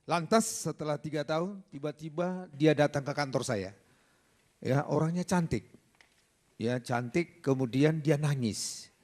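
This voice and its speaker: A middle-aged lawyer telling a relaxed stand-up comedy story, jumping into character voices. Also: male voice, on the high side, measured pace. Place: comedy stage.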